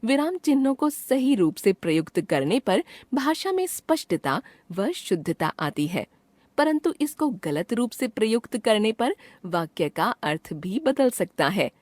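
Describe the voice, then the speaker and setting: A woman narrating a scripted grammar lesson in a precise, measured textbook-reading manner. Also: fairly high pitch, sing-song, darkish tone, no room sound.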